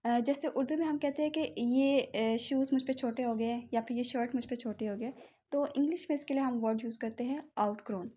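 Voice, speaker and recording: A woman teaches English vocabulary in a high, light voice. She reads each example sentence slowly and repeats it, checking with her listeners after almost every line. She speaks as a voice-over into a close microphone. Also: dark tone, slight background noise. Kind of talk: language lesson with slides.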